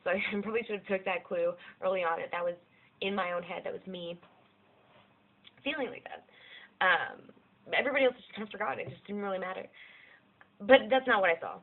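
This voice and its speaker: Wanita muda Amerika bercerita blak-blakan, suara cempreng lo-fi. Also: female voice, medium pitch, a little fast, creaky, pauses often. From United States. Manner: candid and rambling, swears freely, self-deprecating laughs. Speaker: vlogger. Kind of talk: casual personal vlog monologue. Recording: tinny lo-fi narrow-band audio.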